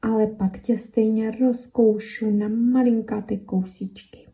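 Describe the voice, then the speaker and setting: A woman voicing a small mouse with itching teeth that must always gnaw something, speaking slowly, emphatically and matter-of-factly. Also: on the high side, steady tone, dark tone, husky. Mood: blunt.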